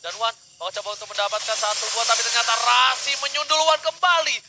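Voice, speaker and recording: An Indonesian man casts an esports match in the manner of an excited fighting game announcer. His voice sits very high and he talks fast, tossing in English exclamations. Loud game noise runs behind him. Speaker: esports play-by-play caster.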